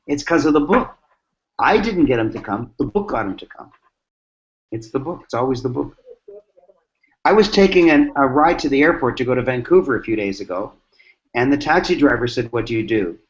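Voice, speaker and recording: A man hosting a mastermind talk, answering questions with lively acted-out stories and emphatic repetition. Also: mid-range voice, brisk. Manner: animated, acts out dialogue, repeats lines for emphasis. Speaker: host. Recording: dull lo-fi sound.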